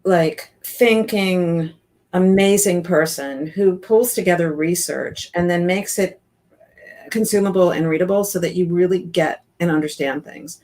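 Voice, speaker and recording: Enthusiastic woman coach in her fifties, lower voice, talks freely with restarts. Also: unhurried, darkish tone. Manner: chatty and enthusiastic, with frequent restarts. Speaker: guest business coach. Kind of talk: casual interview chat.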